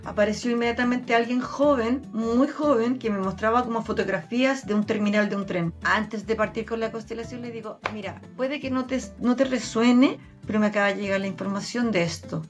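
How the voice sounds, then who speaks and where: A woman with a Chilean accent, a therapist and medium, recounting her experiences as an interview guest with earnest, animated storytelling. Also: fairly high pitch, fairly quick, hardly any pauses, dull audio, faint music behind. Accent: Chilean Spanish. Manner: earnest, animated retelling with many restarts.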